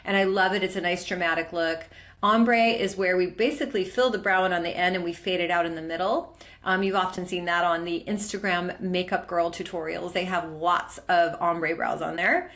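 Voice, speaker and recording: A middle-aged woman gives a training lesson on permanent makeup, walking through her slides. Her voice sits on the low side. She talks in an enthusiastic, chatty way with plenty of fillers. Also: steady tone, moderate pace, fairly bright tone.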